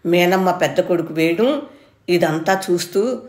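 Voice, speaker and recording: A woman narrating a short story in a measured, expressive way, her voice on the lower side. The recording has a noticeable roomy echo around her reading.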